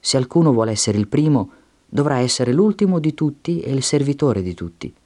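A man voicing a stern male teacher, reading his words in a solemn, measured way. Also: mid-range voice, lively intonation, a little mellow, voice pushed up, natural voice.

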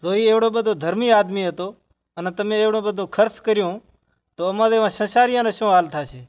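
A man's voice: sits high, brisk. A man in a scripted religious dialogue, earnestly explaining his faith to a grieving villager.

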